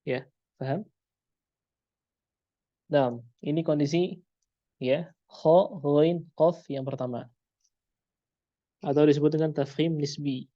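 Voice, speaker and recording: Slow, dark-voiced male teacher. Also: a little high, steady tone, no room sound, highs cut off. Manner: slow, drawn-out, repeats sounds for demonstration. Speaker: Quran recitation teacher. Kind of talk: pronunciation lesson.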